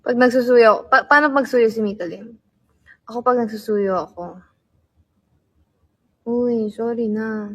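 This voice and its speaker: A young woman chatting casually on a livestream, playful and laughing, sometimes dropping into slow soft tones. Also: fairly high pitch, breathy edge.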